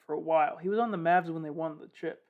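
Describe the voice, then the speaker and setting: A man's voice: a little high, fast talker, phone-quality sound. A young man co-hosting a podcast, laid-back in casual sports chat, laughing often and citing stats. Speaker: podcast co-host.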